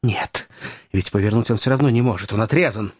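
A man voicing a steady male doctor who leads a balloon expedition, calm and reassuring in an audiobook. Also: on the low side, a little fast, breathy edge, no echo, clean studio sound, voice pushed down. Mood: decisive. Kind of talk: audiobook character reading.

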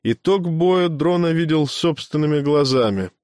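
A man reading an audiobook as a measured storyteller. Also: on the high side, lively intonation, a little mellow, clean tone, dry recording, clean studio sound. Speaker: audiobook reader. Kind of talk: scripted narration.

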